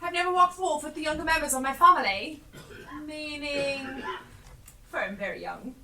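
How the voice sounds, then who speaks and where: A woman's voice: sits high, moderate pace, pushed and bright, full character voice. A woman playing a hearty, commanding Christmas spirit, declaiming grandly in a live stage play. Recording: echoey stage, distant mic, faint noise.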